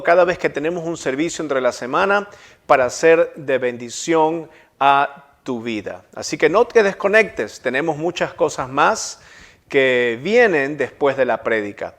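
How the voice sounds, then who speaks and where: Earnest soft-spoken pastor, fairly high voice. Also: male voice. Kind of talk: livestreamed sermon and storytelling.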